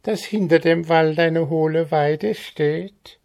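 A man's voice: on the high side, steady tone, slow pace, vocal fry, darkish tone, pitched above the performer's own voice. A man voicing a small, spiteful male goblin with a quacking, squawky voice and a mocking, sing-song way of talking in an audiobook. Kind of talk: audiobook character voice.

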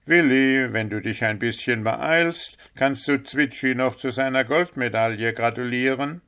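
A man's voice: mid-range voice, a little slow, fairly bright tone. A man voicing a smug, gloating male forest animal in a children's story, mocking the others. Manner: mocking, self-satisfied. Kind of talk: storybook character voice.

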